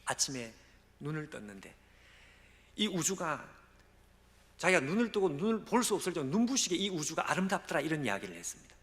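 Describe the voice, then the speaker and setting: A male guest pastor preaching a sermon, telling a story with strong emotion and moving between hushed and loud delivery. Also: a little high, big pitch swings, brisk, pauses often. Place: church sanctuary during a live dawn service. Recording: long reverb of a large church hall.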